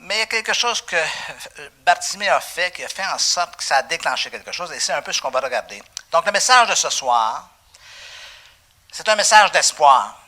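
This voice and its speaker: A man with a Québécois French accent preaching a sermon as pastor, animated, with frequent fillers and restarts. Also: fairly high pitch, normal speed. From Canada. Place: church.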